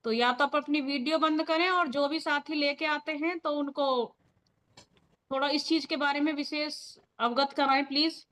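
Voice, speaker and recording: Woman running a team training on a video call, high voice, earnest and firm. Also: fairly even intonation, normal speed, fairly bright tone. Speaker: meeting leader.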